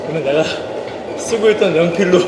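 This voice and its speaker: A man telling behind-the-scenes stories casually while slow running, acting out bits of dialogue as he goes. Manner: animated retelling, acting out quoted dialogue. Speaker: actor vlogging about his drama work. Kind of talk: casual storytelling chat to camera. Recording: echoey, noisy with rumbling ambience.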